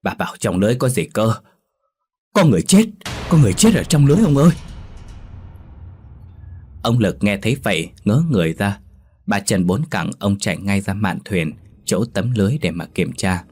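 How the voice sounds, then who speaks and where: Deep voiced guy telling a ghost story, slow and dramatic, soft music behind. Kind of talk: horror story narration.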